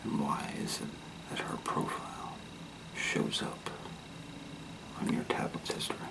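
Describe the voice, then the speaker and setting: A person in a whispered role-play, playing a calm detective who questions a suspect with deliberate mock sympathy. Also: recorded from a distance, close to an everyday voice, poor audio.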